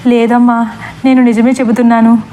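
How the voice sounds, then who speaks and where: A woman's voice: fairly high pitch, level tone, fairly quick, mellow, slight background noise, close to an everyday voice. A woman voicing a guilty young man who begs his parents tearfully, in a storybook reading. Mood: pleading. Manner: tearful, pleading.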